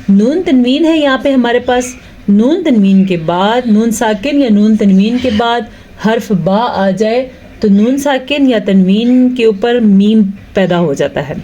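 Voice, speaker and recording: A woman teaching Quran recitation rules, explaining slowly, reciting drawn-out examples and asking if the point is clear. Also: on the high side, warm tone, lo-fi sound. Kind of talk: tajweed lesson with recitation.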